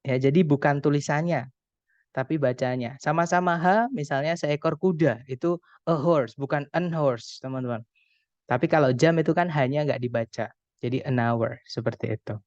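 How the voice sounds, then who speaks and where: A young Indonesian man tutoring an online English grammar class, explaining slowly and patiently with many examples. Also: a little high, a little mellow, dry recording. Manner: patient, explains slowly, often addresses students as friends. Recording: dull dry call audio.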